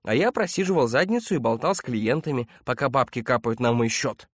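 A man voicing a bitter, complaining male space marine who whines loudly. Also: mid-range voice, sing-song, moderate pace, dry recording, studio quality, lightly acted. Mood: resentful. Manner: whining, loud, resentful.

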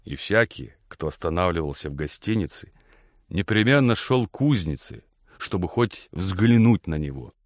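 A man reads a story aloud in a measured, expressive way. His voice sits very low. The recording is dry and close, with no room sound. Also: no echo. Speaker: audiobook narrator. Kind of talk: scripted narration.

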